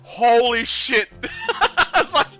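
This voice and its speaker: A man doing casual live game commentary as a streamer, animated and quick to laugh. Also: very high voice. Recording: game music behind the voice.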